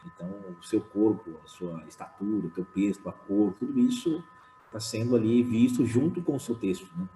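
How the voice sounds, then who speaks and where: A man and slam poet talking casually on an online panel, with many fillers and lively retellings. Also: on the low side, roomy sound, low-quality recording. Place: home room.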